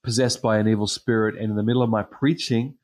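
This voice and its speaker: Preacher, male, lowish voice, unpolished sermon storytelling with ums. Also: steady tone, fast, a little mellow. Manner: hesitant storytelling with frequent ums. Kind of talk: sermon with personal stories.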